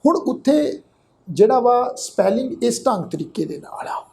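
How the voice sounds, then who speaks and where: A man teaching scripture pronunciation, spelling out letters and vowel marks and then saying each word slowly. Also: extremely high pitch, sing-song, gravelly, dark tone. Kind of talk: slow line-by-line scripture pronunciation lesson.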